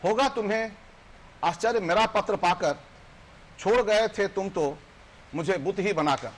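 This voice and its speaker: A man reciting a poem as a wronged ancient woman, speaking slowly and passionately in a TV studio. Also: high-pitched. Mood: pleading. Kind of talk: poetry recitation.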